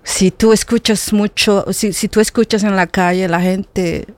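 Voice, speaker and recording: A middle-aged Bolivian woman speaks earnestly in a casual conversation, frequently repeating words hesitantly while searching for the right one. Her mid-range voice has a steady, darkish tone and a measured pace, in a dry recording.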